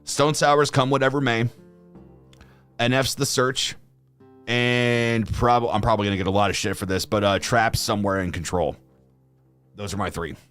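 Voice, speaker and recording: Low-voiced chatty man on a live stream. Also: fairly even intonation, moderate pace, long pauses, fairly bright tone, clear, resonant tone, soft background music. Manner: chatty, laughs easily, many fillers. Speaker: co-host reading live chat donations. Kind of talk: casual live-stream chat.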